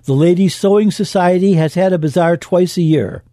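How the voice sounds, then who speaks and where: A man narrating a scripted radio history piece in a measured, even reading. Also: high-pitched, no room sound, clean studio sound.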